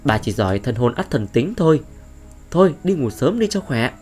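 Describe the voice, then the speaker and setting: A man voicing a gruff middle-aged father who brushes off his wife's fears curtly. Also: medium pitch, big pitch swings, moderate pace, a little mellow, faint music behind, lightly acted. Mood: scoffing. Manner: brusque, scolding.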